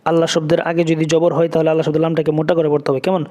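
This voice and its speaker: A man teaching Quran reading, spelling out letters and vowel marks and chanting the words slowly, with brief quicker explanations of each rule. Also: a little high, monotone, warm tone. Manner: drawn-out chanted recitation between quick spoken explanations; asks "কেমন?" after each rule.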